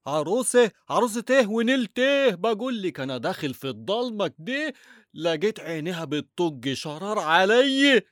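A man's voice: high-pitched, big pitch swings, a little fast, no echo, studio quality. A man playing a hot-tempered, superstitious Egyptian father who blusters and exclaims, in a radio comedy drama. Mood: alarmed. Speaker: actor in a radio serial.

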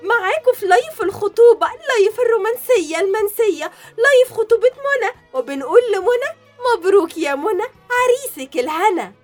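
A woman's voice: extremely high pitch, animated, brisk, few pauses, soft background music. A woman speaking with an Egyptian Arabic accent who hosts a mock livestream and gives theatrical, teasing commentary. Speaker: livestream host.

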